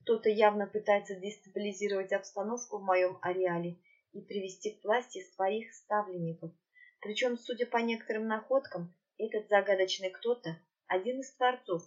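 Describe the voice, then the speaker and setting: A woman voicing a fierce, quick-tempered ancient female demiurge in an audiobook. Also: mid-range voice, highs cut off, natural voice. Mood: indignant. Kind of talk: audiobook character reading.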